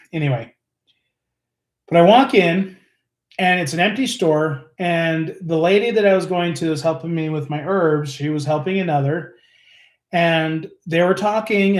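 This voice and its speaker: A man with a fairly high voice talks on a casual live stream, earnest and rambling, circling back with fillers and restarts. The room around him is echoey, so his voice bounces a little off the walls. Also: a little mellow. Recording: roomy echo.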